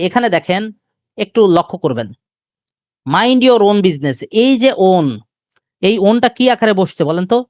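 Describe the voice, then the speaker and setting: A man's voice: sits high, a little mellow, no room sound, clean studio sound. Male Bangladeshi tutor quizzing his class. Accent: Bangladeshi Bengali. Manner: asks the class questions, repeats key terms slowly. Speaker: teacher. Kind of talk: live grammar lecture.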